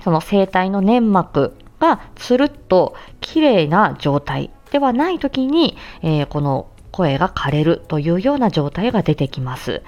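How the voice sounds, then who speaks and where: Animated woman explaining, low-pitched. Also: a little slow, few pauses, muffled recording. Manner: animated and chatty, frequent thinking fillers. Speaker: speech-language therapist. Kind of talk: casual explanatory talk.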